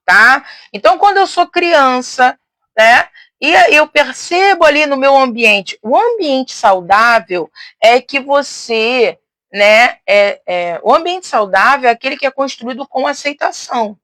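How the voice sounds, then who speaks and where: A woman teaching in a casual, talkative way, speaking loudly and expansively with frequent tag questions and restarts. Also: sits high, animated, a little slow, dry recording. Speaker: teacher and host. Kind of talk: casual teaching on faith and psychology.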